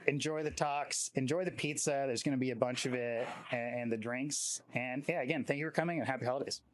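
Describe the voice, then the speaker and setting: A medium-pitched man speaking a little quickly delivers a casual welcome on behalf of his company. His tone is conversational, and he leans on the filler "like" often.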